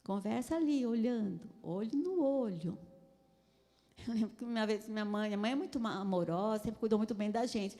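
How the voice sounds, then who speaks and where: A woman's voice: medium pitch, brisk, warm tone, long reverb tail. A woman with a Brazilian Portuguese accent giving a conversational church talk on parenting, chatty, laughing often and asking listeners for agreement. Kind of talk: conversational sermon with personal stories.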